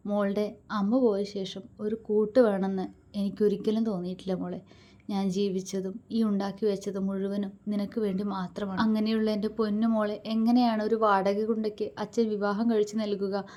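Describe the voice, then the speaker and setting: A woman reading a story aloud, voicing a loving widowed father who speaks gently and pleadingly. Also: mid-range voice, flat delivery, a little fast, natural voice. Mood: tender.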